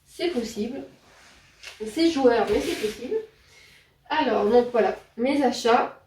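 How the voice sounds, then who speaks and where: In this casual book haul vlog, a book YouTuber chats about her new books, full of fillers and self-corrections. Her voice is fairly high, slow and darkish, with a faint hiss or hum. The mic sits at a distance in a roomy space.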